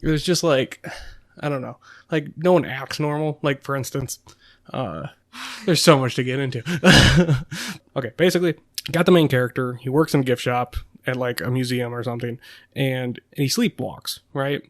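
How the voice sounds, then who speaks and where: A man's voice: medium pitch, normal speed, no room sound, clean studio sound. A young man co-hosting a podcast, talking casually in a rambling way with many fillers and frequent laughs. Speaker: podcast co-host. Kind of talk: casual chat.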